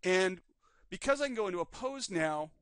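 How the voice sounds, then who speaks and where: A man teaching a live 3D rigging class, calmly narrating each step on screen while his voice is slightly worn. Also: high voice, moderate pace, clear, resonant tone, dry recording. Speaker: 3D rigging instructor. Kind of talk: live screen-recorded software tutorial.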